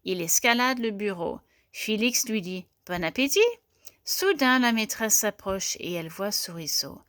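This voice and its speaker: A woman's voice: mid-range voice, animated, a little slow, fairly bright tone, dry recording, studio quality. Woman reading a children's story.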